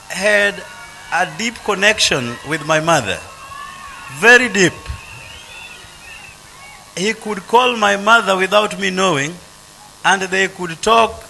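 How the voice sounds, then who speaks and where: A middle-aged Kenyan man speaks at a funeral, his voice bright and a little high for a man. He talks slowly and gravely, in short measured phrases. A faint hiss of noise sits under the speech. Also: low-quality recording. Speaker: son giving a eulogy, politician.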